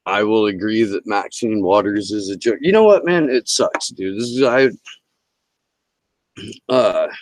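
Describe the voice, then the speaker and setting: A man's voice: low-pitched, dry recording, poor audio. A middle-aged man hosting a livestream, ranting casually and profanely into a headset mic. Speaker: livestream host.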